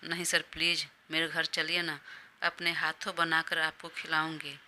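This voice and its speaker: A woman's voice: sits low, little pitch movement, moderate pace, bright, forceful tone, slight background noise. A woman voicing a scheming young employee who pleads and coaxes her boss. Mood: coaxing. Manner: pleading, coaxing.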